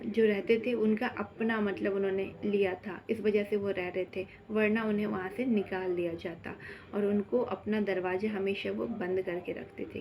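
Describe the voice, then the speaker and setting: A young adult woman telling a spooky true story in a casual, conversational way, asking herself questions and using fillers as she goes. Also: mid-range voice. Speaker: storyteller on a spiritual channel.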